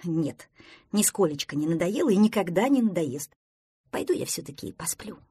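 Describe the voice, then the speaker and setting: A woman voicing a sleepy, gloomy storybook creature who speaks quietly and drowsily. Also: fairly low pitch, expressive, normal speed, slightly rough.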